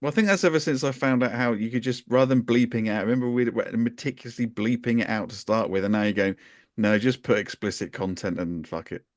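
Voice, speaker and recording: A man's voice: mid-range voice, fast, dry recording, clean studio sound. A man co-hosting a podcast in casual banter, rambling and restarting his sentences with chuckles. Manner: rambling, self-interrupting, chuckling. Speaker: podcast co-host.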